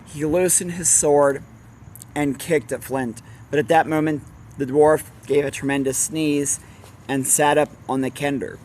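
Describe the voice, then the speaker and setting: A man's voice: a little high, fairly even intonation, a little slow, darkish tone, a little hiss or hum. A man casually reading a fantasy novel aloud, stumbling over words and breaking off into rambling asides with laughs. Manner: breaks off with laughs and personal tangents; stumbles and self-corrects while reading.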